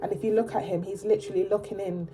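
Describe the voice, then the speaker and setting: A woman's voice: medium pitch, fairly even intonation, fast talker, background noise. A woman with a blocked nose giving a casual tarot reading to camera, chatty and emphatic, often checking in with "okay?". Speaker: tarot reader.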